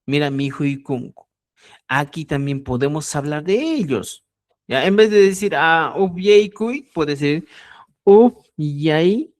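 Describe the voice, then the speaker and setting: A man's voice: on the high side, unhurried, no room sound, clean studio sound. A man teaching a language class, explaining patiently and checking often that students follow. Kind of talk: online language lesson.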